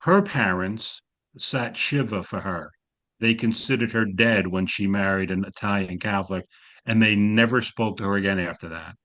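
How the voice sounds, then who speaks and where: Speaking at a moderate pace, this sixty-something man uses a fairly low, fairly bright voice with a slight New York accent. He's sharing wry stories about his family in a Zoom class discussion.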